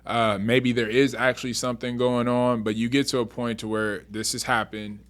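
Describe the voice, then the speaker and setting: Relaxed male podcast host. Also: medium pitch, moderate pace. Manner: relaxed, affirming, asks follow-ups. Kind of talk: casual podcast interview.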